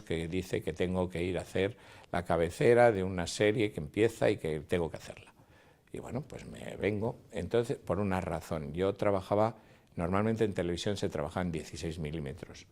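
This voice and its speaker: In an interview, an older cinematographer reminisces about past experiences, acting out dialogue and sound effects as he tells his stories. He speaks in a low voice with a darkish tone.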